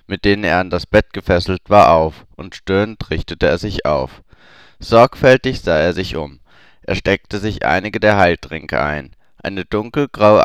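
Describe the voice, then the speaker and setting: A man's voice: deep voice, clean tone, no echo. A man reading a story aloud as an audiobook narrator. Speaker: audiobook reader.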